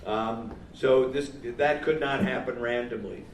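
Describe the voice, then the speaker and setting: A man from New England hosts a homebrew competition and announces the winners in an informal speech at the live event. His medium-pitched delivery is halting, with frequent pauses, and the recording comes from a far-off mic in an echoey room with faint noise.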